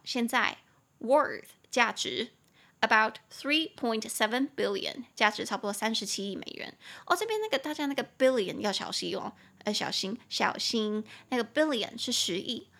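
A young woman hosting a chatty podcast English lesson, explaining words slowly and repeating them. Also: fairly high pitch, creaky, bright, forceful tone. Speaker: podcast host, English teacher.

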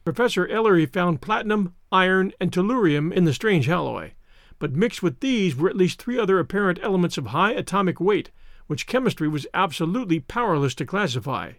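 A man's voice: high voice, lively intonation, brisk, fairly bright tone, dry recording, clean studio sound. A man, a podcast host, reading a horror story aloud in audiobook style.

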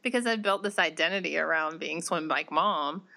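Brief: woman host, very low but bright, forceful voice, chatty interview. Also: moderate pace, creaky. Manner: chatty, laughs easily. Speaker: podcast host. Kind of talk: casual interview conversation.

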